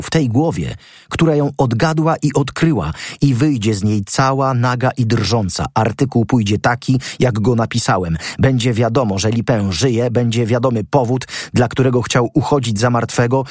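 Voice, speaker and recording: A man's voice: low voice, lively intonation, moderate pace, few pauses, slightly rough, dry recording, clean studio sound. A man voicing a defiant, fervent young male student in an audiobook reading, speaking boldly and stubbornly. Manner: bold, stubborn, rising with passion.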